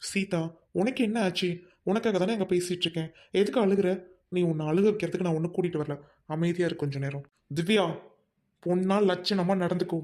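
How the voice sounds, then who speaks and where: A performer acting as a stern older brother who orders his sister to be quiet. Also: lowish voice, a little fast, lightly acted. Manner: commanding, scolding.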